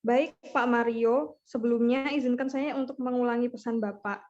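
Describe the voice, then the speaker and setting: A woman's voice: fairly high pitch, steady tone, normal speed, darkish tone, lightly acted. Woman acting as a polite secretary, muffled sound. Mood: polite, formal. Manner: courteous, formal phone etiquette. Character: polite, formal company secretary answering the phone. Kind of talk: scripted role-play phone call. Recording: muffled, lo-fi video call.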